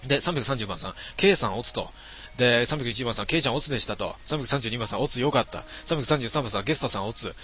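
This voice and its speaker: Middle-aged man, live streamer, reads viewer comments, casual mumbled asides, bright voice, faint music behind. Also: mid-range voice, lively intonation, quick pace, breathy edge. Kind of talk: casual late-night stream chat.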